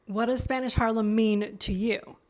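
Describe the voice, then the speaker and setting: Female interviewer, plain and direct, a touch high-pitched. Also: steady tone, normal speed, a little mellow. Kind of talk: brief interview questions.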